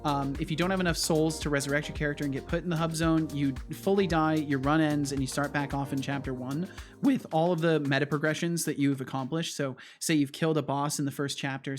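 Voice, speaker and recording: Higher-pitched man streaming casually over music. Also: level tone, brisk. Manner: thinks aloud, hums to himself. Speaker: game developer livestream host. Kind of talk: casual livestream chat while coding. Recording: music behind the voice.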